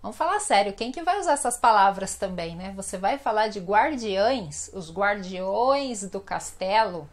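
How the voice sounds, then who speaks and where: A woman with a Brazilian Portuguese accent, teaching an online language lesson in a chatty, playful way and drawing out example words slowly. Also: mid-range voice, lively intonation.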